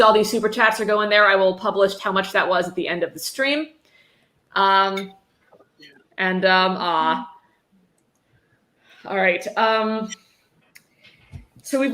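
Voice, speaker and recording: A woman with a medium-pitched, fairly bright voice hosts a charity livestream, reading a book aloud. She chats casually and adds sardonic commentary, swearing freely. The sound is roomy and echoey.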